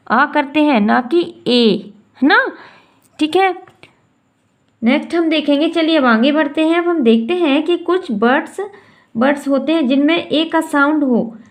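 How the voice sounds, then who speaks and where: A woman with a high voice teaches English vowel sounds to beginners. She speaks slowly and goes over each point again. She stretches out the sounds she models. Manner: slow, repetitive explaining, drawing out the sounds she models.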